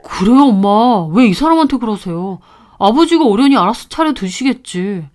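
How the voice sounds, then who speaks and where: A woman's voice: a little high, expressive, moderate pace, a little mellow, close to an everyday voice. A woman voicing a tired husband caught between his wife and his mother, placating both. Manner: placating, exasperated. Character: weary go-between husband, grown son.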